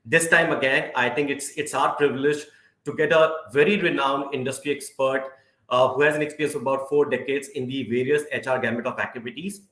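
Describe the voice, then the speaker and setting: Give me a man moderating a session over a conference call, formal and measured, with a roomy echo on the line. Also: medium pitch, fairly even intonation, sharp tone. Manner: formal, measured, with frequent "uh" fillers. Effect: conference call audio. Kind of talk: hosting an online career webinar. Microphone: video call.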